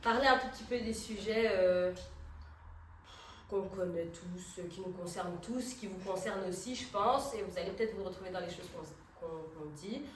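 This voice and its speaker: A woman's voice: on the low side, moderate pace, slight background noise. A woman in her twenties hosting a casual group chat, talking easily and mixing in English phrases. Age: 20s. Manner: chatty, mixes in English phrases. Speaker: host. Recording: roomy sound from a distant mic.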